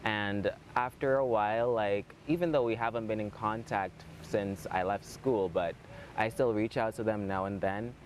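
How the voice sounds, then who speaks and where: A man's voice: fairly low pitch, normal speed, a little hiss or hum. A young man from Jamaica with a Jamaican accent, answering interview questions with hesitant restarts. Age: young adult. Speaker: interview guest. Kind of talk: casual interview.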